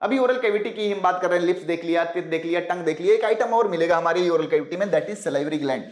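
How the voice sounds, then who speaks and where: A man teaching an exam-prep biology lesson, asking rhetorical questions and answering them himself, repeating key terms slowly and mixing English science words into his talk. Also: sits high, reverberant.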